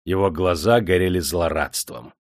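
Man, audiobook narrator, low voice, steady measured telling, dry studio sound. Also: no echo.

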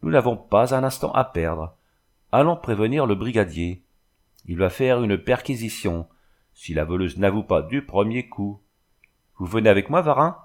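A man reading the part of an excitable, self-satisfied village haberdasher. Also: lowish voice, moderate pace, lightly acted. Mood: urgent. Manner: eager and pleased with himself.

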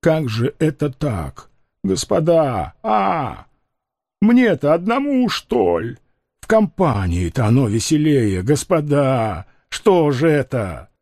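A man voicing a frantic, doomed male robber in an audiobook, wailing and pleading in a rough voice. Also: on the high side, wildly swooping pitch, slow pace, darkish tone, no echo, studio quality, exaggerated voice.

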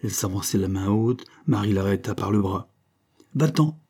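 A man reading a novel aloud as an audiobook narrator, in a measured, even delivery. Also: low-pitched, slightly rough. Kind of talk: scripted narration.

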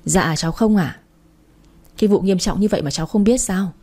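A woman reading the part of a stern, scheming older mother-in-law who lectures and warns, in a dark, mellow voice. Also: medium pitch, a little fast, close to an everyday voice. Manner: lecturing, warning tone.

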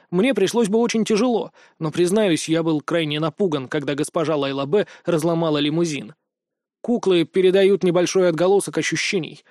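A man reading an audiobook, voicing a stubborn teenage boy psionic who speaks softly and defensively. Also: high voice, no echo, studio quality, natural voice. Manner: soft, subdued, defensive.

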